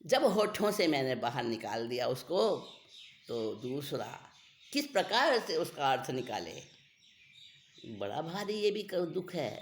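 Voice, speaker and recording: A spiritual teacher giving a scriptural discourse, deliberate and repeating key phrases for emphasis. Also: mid-range voice, very animated, slight background noise.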